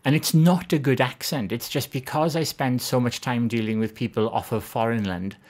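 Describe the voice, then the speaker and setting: This streamer from Wales speaks with a Swansea accent at a moderate pace, their medium-pitched voice steady and somewhat dark in tone. Chatting casually, they read the chat out loud and joke at their own expense.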